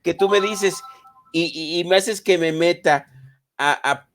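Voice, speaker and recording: A man's voice: sits high, measured pace, a bit bright. A man hosting a remote interview, reflective and hesitant, with frequent fillers. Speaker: host.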